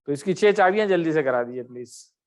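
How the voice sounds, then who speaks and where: A man's voice: fairly high pitch, lively intonation, a little mellow. A middle-aged man teaching Arabic grammar in an online class, correcting and quizzing his students by name.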